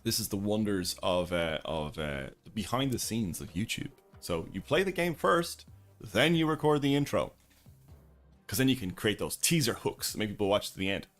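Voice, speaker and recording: A man's voice: lowish voice, expressive, normal speed, faint music behind. A man casually commenting on his own card game as he plays live, thinking aloud and greeting viewers in chat. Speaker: streamer and YouTube host.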